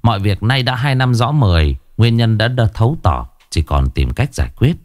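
A man narrating a horror story in a lively, expressive reading. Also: on the low side, normal speed, no room sound, studio quality.

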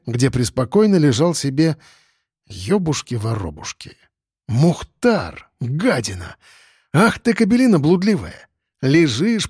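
A man's voice: on the high side, a little mellow, husky, dry recording, studio quality. A man giving wry, slangy first-person audiobook narration.

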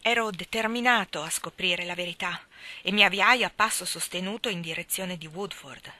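Woman reading an audiobook, bright and dry. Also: on the low side, normal speed, no echo. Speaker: audiobook reader. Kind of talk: scripted narration.

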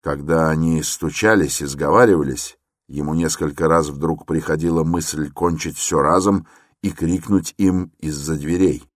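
A man narrating a literary audiobook in a measured, tense storytelling manner. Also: extremely low pitch, fairly even intonation, no room sound, clean studio sound.

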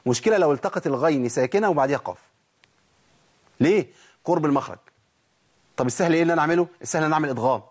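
A man's voice: a little high, very fast, pauses often, a little mellow, slightly rough. An Egyptian man teaching Quran recitation, asking rhetorical questions and answering them himself, and drawing out letter sounds in repeated demonstrations. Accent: Egyptian Arabic. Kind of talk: recorded recitation lesson.

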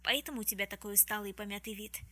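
A woman's voice: medium pitch, steady tone, rapid-fire, pushed and bright. Woman doing a defiant young captive woman. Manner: defiant, hissing.

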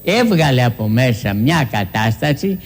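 A man's voice: mid-range voice, big pitch swings, breathy edge, in a large hall. A man recounting events as a witness in an archival testimony, plainly with some hesitations.

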